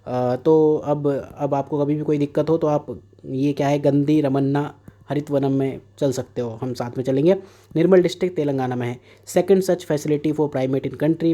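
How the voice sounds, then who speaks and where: A man's voice: medium pitch, mellow. A young man teaching a casual exam prep lesson, mixing Hindi and English with joking asides. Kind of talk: casual current affairs lesson.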